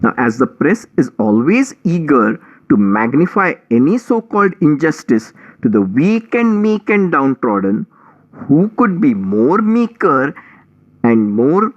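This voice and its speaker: Slow, highly animated male storyteller. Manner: pompous, wordy, relishing alliteration and lists. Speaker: audiobook storyteller. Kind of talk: theatrical scripted story narration. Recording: dull lo-fi recording.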